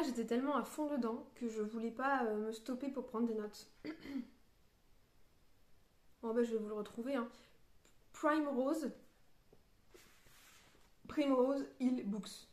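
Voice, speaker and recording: A woman's voice: fairly high pitch, a little mellow, reverberant. A woman reviewing a novel in a casual book vlog, hesitant and searching for her words, with many fillers and restarts. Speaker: book vlogger. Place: on a beach.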